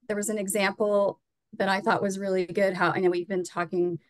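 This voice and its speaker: Woman giving a casual breakout report, dry close mic, halting delivery. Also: medium pitch, little pitch movement, dry recording, low-quality recording. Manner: casual, halting, with stumbles and fillers. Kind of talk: online workshop report-out. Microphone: video call.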